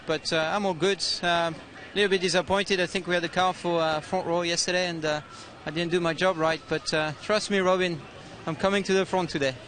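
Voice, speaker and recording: A man's voice: high voice, a bit bright, a little hiss or hum. A male race car driver answering pre-race questions in a hesitant way, full of fillers and restarts. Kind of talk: casual pre-race interview. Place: outdoors on a race grid.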